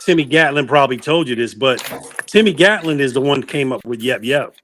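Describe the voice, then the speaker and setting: A man's voice: medium pitch, expressive, brisk, fairly bright tone, slight background noise. A man on a podcast, telling music-industry stories in a loose, rambling way and correcting himself as he goes. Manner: rambling anecdotes with self-corrections. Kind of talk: casual storytelling chat.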